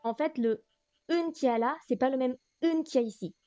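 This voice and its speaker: A woman's voice: high voice, brisk, warm tone, clean tone, no room sound. A woman teaching a beginner language class on a livestream, thinking aloud with lots of fillers. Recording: dull lo-fi stream audio, faint music.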